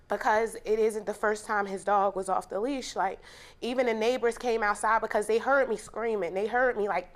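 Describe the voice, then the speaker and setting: A woman testifying as plaintiff on a TV court show, telling her story in a vivid, emotional way. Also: mid-range voice. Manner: vivid, animated retelling. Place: TV courtroom set.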